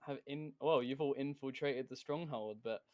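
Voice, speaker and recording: A man running a tabletop role-playing game as game master, talking in a relaxed way with many fillers. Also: mid-range voice, moderate pace, crowd noise.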